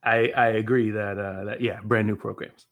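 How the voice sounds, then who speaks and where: A man's voice: fairly low pitch, flat delivery, normal speed, fairly bright tone. A man from Massachusetts co-hosting a casual sports podcast, playful and joking as he runs a quiz. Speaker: podcast co-host.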